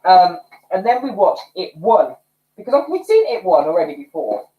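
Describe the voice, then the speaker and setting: A man with a high-sitting, sing-song voice speaks at a moderate pace on a muffled recording. He's hosting a casual livestream from home indoors, reading viewer comments, chatty, self-mocking, and laughing often.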